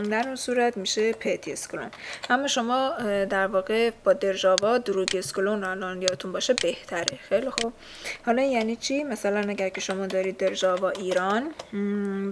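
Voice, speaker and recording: A woman teaching a language lesson in a casual, patient way, pausing often with filler sounds. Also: mid-range voice, background noise.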